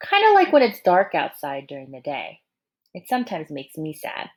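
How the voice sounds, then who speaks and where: Speaking in a deep voice, a woman reads a picture book aloud to young children like a classroom teacher. She sounds expressive and warm with encouragement, pausing for questions and asides.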